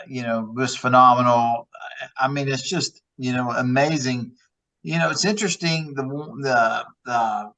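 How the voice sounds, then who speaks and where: A man's voice: medium pitch, bright, forceful tone, low-quality recording. A man who hosts the podcast and used to race, talking loosely with many fillers. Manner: loose, filler-heavy, lots of "you know". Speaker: podcast host, former driver. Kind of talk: casual podcast chat.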